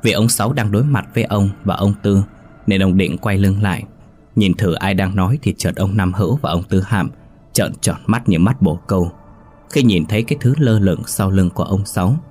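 A man with a very deep voice reads a ghost story in a steady, even manner, with faint music under him. The narration is scripted and told at an unhurried storytelling pace.

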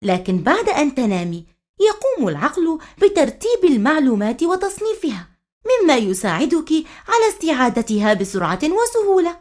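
A woman voicing a calm mother in a storybook reading, speaking softly and soothingly. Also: sits high, brisk. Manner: soft and soothing. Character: calm, gentle, reassuring mother.

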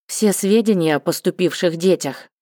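A woman narrating a fantasy audiobook in a steady, even storytelling manner. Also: lowish voice, moderate pace, dry recording, studio quality.

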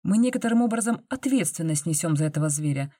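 A woman's voice: fairly low pitch, lively intonation, quick pace, mellow, dry recording. Guarded young woman, probing questions, dry delivery, a woman reading her.

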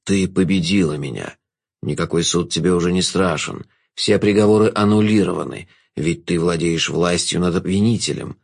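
A man voicing a scheming, mocking male jester villain in an audiobook, speaking low, hushed and drawn out. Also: moderate pace, vocal fry, breathy edge, no room sound, studio quality, full character voice. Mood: sly, mocking.

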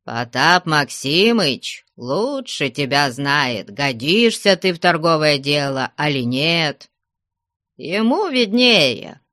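An older villager lectures and coaxes with steady insistence, as a male narrator puts him on. The pace is slow and the sound dry and close. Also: a little high, no room sound, heavily acted. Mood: persuading. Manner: urging, admonishing.

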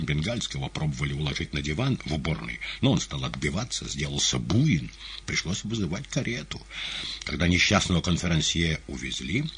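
A man narrating an audiobook in an expressive, dramatic reading with a husky voice. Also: a bass voice.

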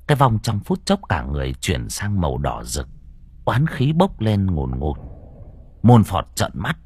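Deep, husky male horror storyteller. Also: unhurried, dry recording. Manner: expressive, dramatic storytelling. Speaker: audiobook narrator. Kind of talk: audio horror story narration.

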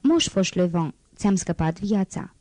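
A woman reading aloud and voicing a grave, cautious grown man in a measured tone. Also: on the low side, expressive, dark tone, no room sound. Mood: serious. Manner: measured, serious.

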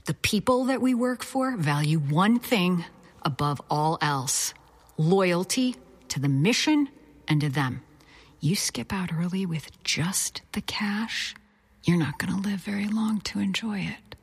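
Menacing heist plotter, low and breathy. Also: female voice, animated, measured pace, heavily acted. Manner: quiet threatening. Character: menacing female heist conspirator.

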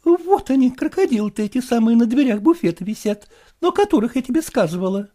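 A man's voice: extremely high pitch, sing-song, quick pace, warm tone, pitched above the performer's own voice. A man voicing a fussy, meddling aunt who gushes eagerly. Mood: gushing.

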